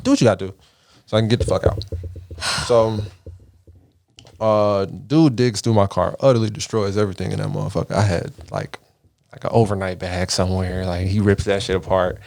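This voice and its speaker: Low-voiced man telling a story. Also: brisk, creaky. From Caribbean. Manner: animated, profane, acts out quoted voices. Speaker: podcast host. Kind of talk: casual storytelling.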